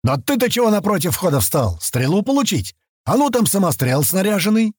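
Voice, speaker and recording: A man voicing a gruff, burly male warrior bodyguard with a deep voice and a bossy, scolding manner. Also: normal speed, darkish tone, no room sound, studio quality.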